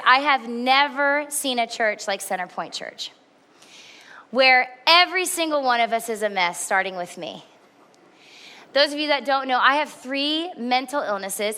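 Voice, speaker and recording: A woman's voice: a little high, pushed and bright. A woman in her forties preaching a sermon, earnest and candid, with emphatic repetition. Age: 40s. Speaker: pastor.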